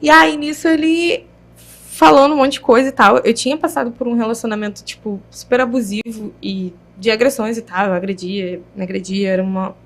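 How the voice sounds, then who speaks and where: A young woman with a Brazilian Portuguese accent, a guest telling a personal story in a chatty, lively way full of slang fillers. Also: fairly high pitch, a little fast. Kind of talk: interview storytelling.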